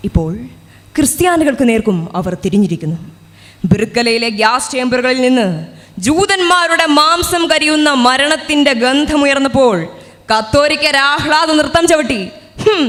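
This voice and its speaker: A woman's voice: sits high, fairly bright tone. A teenage girl student giving a dramatic, declamatory story performance with sung verses on a stage. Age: teens. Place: large stage hall. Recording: hall reverb, live accordion music.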